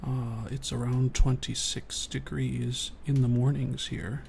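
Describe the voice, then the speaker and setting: A man in soft-spoken ASMR chat, talking in a relaxed, rambling way and answering viewers from his desk. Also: mid-range voice, slow, gravelly, slight background noise. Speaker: ASMR streamer.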